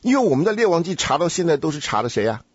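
A man's voice: on the high side, very animated, very fast, breathy edge, no echo, dull audio. A man hosting a casual Bible study chat, teasing and quizzing his co-host and laughing often.

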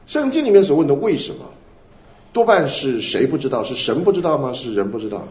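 A man preaching a sermon, animated, asking his listeners questions and answering them himself. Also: medium pitch, a little fast. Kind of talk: sermon teaching. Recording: roomy, dull lo-fi recording.

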